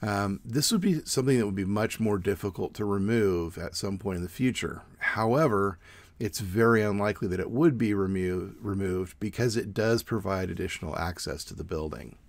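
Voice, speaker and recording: A middle-aged man giving a measured, plain informative presentation outdoors. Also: on the low side, dry recording. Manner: measured, plain explanatory delivery. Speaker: student presenter. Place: outdoors in front of a brick building.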